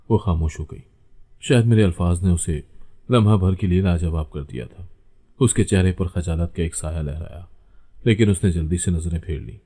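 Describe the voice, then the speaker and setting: Male storyteller, dark and mellow tone, measured and heavy first-person narration. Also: low voice, slightly rough.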